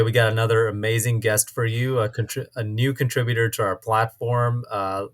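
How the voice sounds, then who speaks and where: A man hosting a podcast, upbeat and casual, asking playful quick-fire questions. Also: fairly low pitch. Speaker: podcast host.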